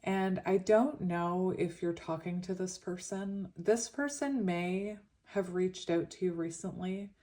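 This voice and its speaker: A woman's voice: lowish voice, measured pace, few pauses, warm tone. A woman with a slushy lisp from a retainer, giving a casual, meandering tarot reading in an informal, reflective way. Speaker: tarot reader.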